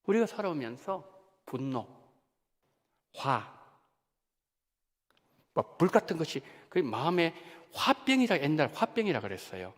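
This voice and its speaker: A man preaching a sermon in a church sanctuary, his fairly high voice swinging up and down as he stresses points. His words ring out with a long hall reverb around them. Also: unhurried, long pauses. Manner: animated preaching, rising and dropping sharply for emphasis. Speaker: senior pastor.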